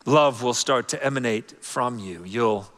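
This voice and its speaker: A man preaching a sermon as pastor, talking in an animated, conversational way that drops to soft, quiet phrases. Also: medium pitch, unhurried. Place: large church auditorium. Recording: long church hall reverb.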